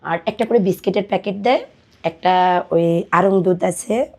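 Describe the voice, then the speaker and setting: Her voice sits on the low side, moving at a normal speed with a slightly mellow quality. She is a Bangladeshi woman in her twenties from Dinajpur, appearing on a podcast to talk through her life story and retell remarks people made to her. Music plays underneath.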